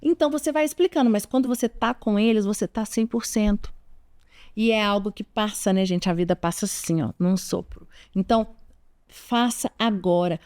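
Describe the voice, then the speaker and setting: A woman's voice: medium pitch, normal speed, darkish tone. A woman in her forties with a Brazilian Portuguese accent, giving parenting advice straight to her listeners in an earnest, emphatic way, often repeating her key points. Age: 40s. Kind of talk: direct-to-camera advice talk.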